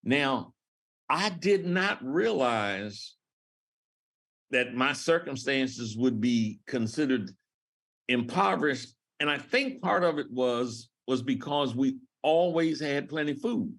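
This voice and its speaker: An older man from Southern Maryland, a podcast guest, speaking in a slow, halting way with many restarts. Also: medium pitch, expressive, vocal fry, fairly bright tone. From Southern Maryland, USA. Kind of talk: interview conversation.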